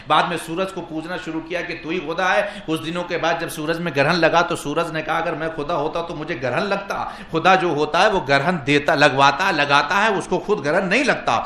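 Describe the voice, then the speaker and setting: A man preaching a sermon who moves between soft explanation and loud, high-pitched exhortation, and acts out dialogue as he tells stories. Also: reverberant, slight background noise. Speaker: Islamic preacher.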